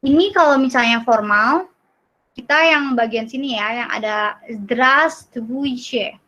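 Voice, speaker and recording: A young woman with an Indonesian accent teaching a casual online Russian class over a video call, with fillers and apologies, repeating words slowly for learners. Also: a little high, fairly bright tone, rough recording. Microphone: computer mic on a video call.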